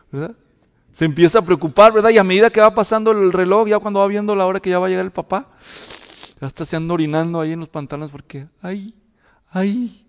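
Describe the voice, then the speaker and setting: A man preaching a sermon as pastor, telling lively stories and asking his listeners rhetorical questions. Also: sits high. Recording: long reverb of a hall.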